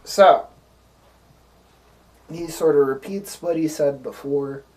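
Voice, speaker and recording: A man playing a solo tabletop game on a live stream, deliberating out loud with many fillers and restarts. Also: fairly high pitch, takes it slowly.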